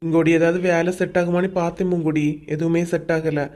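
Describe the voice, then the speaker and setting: A woman's voice: lowish voice, flat delivery, fairly quick, noisy background, close to an everyday voice. A woman with a Kanyakumari Tamil accent voicing a teasing young husband in a cartoon story. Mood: explaining. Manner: teasing, dismissive.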